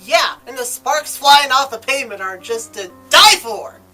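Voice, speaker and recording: A woman's voice: high-pitched, expressive, normal speed, pushed and bright, faint music behind. A woman giving sarcastic, teasing let's play commentary over a game.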